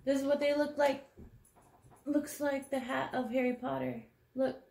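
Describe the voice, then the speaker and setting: A woman's voice: high voice, little pitch movement, normal speed, vocal fry, roomy sound, noisy background. A woman hosting a casual snack-tasting vlog, nervous and exclaiming often. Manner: nervous, lots of "oh no" and "oh God". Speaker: channel host.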